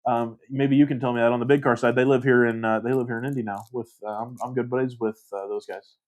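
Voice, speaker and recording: A man's voice: medium pitch, steady tone, fast talker, darkish tone. A man casually hosting a livestream, reading viewer comments aloud and rambling with self-deprecating laughs. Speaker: livestream host.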